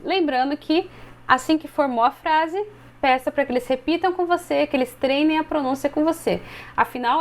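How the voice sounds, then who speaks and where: Brazilian woman, twenties, English teacher, high voice, step-by-step explanations. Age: 20s. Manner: explains step by step, models English phrases slowly.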